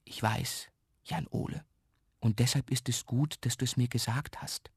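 A man voicing a gentle, caring mother in a children's bedtime radio story, speaking softly. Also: mid-range voice, fairly quick, no echo, studio quality, natural voice. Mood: whispered. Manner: soft, tender.

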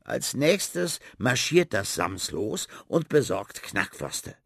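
A man reads a children's story aloud with lively storytelling. His voice is gravelly and a little husky, and the pitch swings freely. The recording is close and dry. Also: slow, dry recording. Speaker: narrator. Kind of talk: scripted narration of a children's story.

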